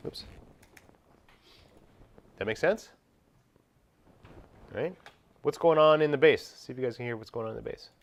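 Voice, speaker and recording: A man's voice: medium pitch, moderate pace, pauses often. Male teacher quizzing his class. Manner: quizzes students, scats examples. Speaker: music teacher. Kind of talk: classroom lecture.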